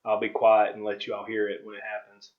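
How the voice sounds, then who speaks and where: A man's voice: on the low side, monotone, a little fast. A man hosting a vlog, giving casual, rambling commentary over his own footage. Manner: rambling, informal storytelling. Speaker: video host. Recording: dull, lo-fi microphone audio.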